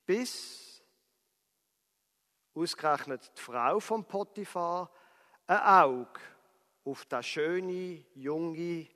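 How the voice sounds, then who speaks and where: A man with a Swiss German accent preaching, retelling a Bible story with lively dramatic emphasis. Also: fairly high pitch, extremely slow, long pauses. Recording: reverberant hall.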